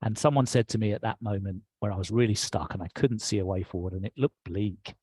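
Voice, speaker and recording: A man's voice: on the low side, fast talker, a little mellow, slightly rough, no room sound. Reflective English man, dry close sound. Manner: reflective, recounts with quoted dialogue. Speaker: interview guest. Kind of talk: personal storytelling.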